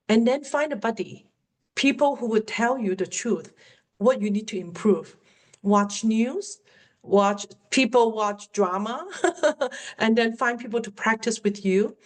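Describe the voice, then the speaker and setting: In a webinar Q&A, a middle-aged woman coaching on workplace communication responds to questions in her medium-pitched voice. She is a native Cantonese speaker with a Cantonese accent. Earnest and encouraging, she eases her pace whenever she wants a point to land.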